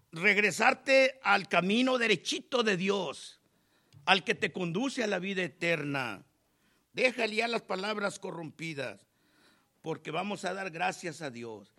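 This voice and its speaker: A man preaches with fervor. His voice sits high and has a gravelly grain. It is bright and pointed, and it rises from quiet pleading to loud calls. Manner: impassioned, swings from soft to loud. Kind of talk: sermon.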